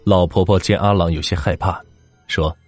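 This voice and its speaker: A man's voice: sits low, steady tone, normal speed, faint music behind. A man narrating a ghost story in a dramatic, suspenseful way.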